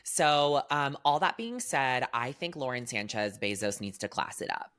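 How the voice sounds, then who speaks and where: A young man in his twenties co-hosts a casual podcast in a podcast studio. His voice is bright and ringing, and it leaps around with a lively, animated swing. He tells stories with an expressive, laughing energy. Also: medium pitch, normal speed, clear, resonant tone. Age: 20s. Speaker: podcast co-host. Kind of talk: casual chat.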